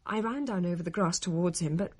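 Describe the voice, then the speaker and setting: A young adult daughter narrating a radio play. Dry, plain delivery, breathy tone. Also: female voice, on the low side, quick pace, darkish tone. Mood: calm.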